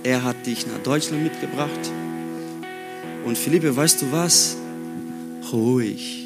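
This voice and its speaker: A young Brazilian man gives a sermon to young people, his German slow and a little broken, with a Brazilian accent. He speaks at an unhurried pace. Loud music plays behind him. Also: medium pitch. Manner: slow, halting German with non-native grammar. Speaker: youth pastor. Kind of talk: sermon at a youth retreat. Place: worship room before a youth audience.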